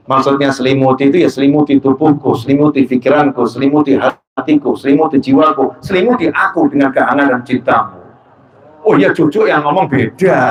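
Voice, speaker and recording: A man preaching a religious sermon to a gathering, animated, swinging between soft and loud delivery with playful asides. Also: medium pitch, dull audio, slight background noise. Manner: acts out quoted lines in dramatized voices.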